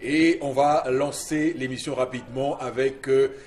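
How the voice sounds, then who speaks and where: A man's voice: mid-range voice, steady tone, measured pace, darkish tone. A man hosting a morning TV talk show, introducing the panel with many hesitations. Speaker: TV host.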